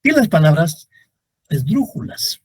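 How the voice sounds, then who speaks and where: A male teacher giving a classroom grammar lecture, reading out example words slowly and deliberately and speaking directly to his students. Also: a little high, very animated, darkish tone, husky, dry recording.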